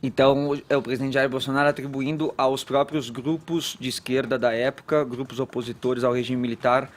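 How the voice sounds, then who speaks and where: Brazilian radio reporter, mid-pitched, measured, reads quotes on air. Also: male voice, steady tone. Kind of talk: news report reading quotes.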